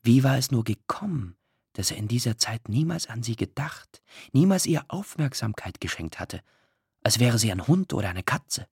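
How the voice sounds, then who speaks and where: A man reading a literary story aloud, expressive and emotional, with drawn-out pauses. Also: medium pitch, gravelly, breathy edge, dry recording, studio quality. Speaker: audiobook narrator. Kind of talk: scripted literary narration.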